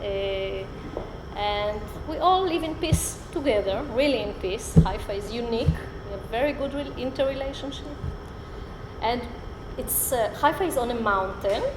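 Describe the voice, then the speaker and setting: A middle-aged Israeli woman who speaks Hebrew gives an unprepared guest lecture in English as a college lecturer, animated, gesturing a lot and filling with many "uh"s. Her voice is fairly high at normal speed. A far camera films her in a roomy lecture hall with background noise.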